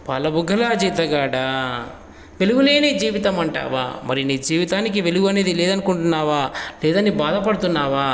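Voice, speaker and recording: A man's voice: a little high, a little hiss or hum. A man teaching a class lesson, explaining a poem line by line with many repeated rhetorical questions. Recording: echoey room with long reverb.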